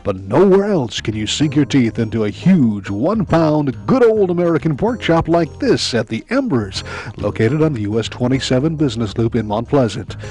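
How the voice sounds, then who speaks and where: A man's voice: medium pitch, very animated, moderate pace, darkish tone. Upbeat male TV narrator. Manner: upbeat promotional delivery. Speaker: TV magazine co-host. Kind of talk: scripted narration.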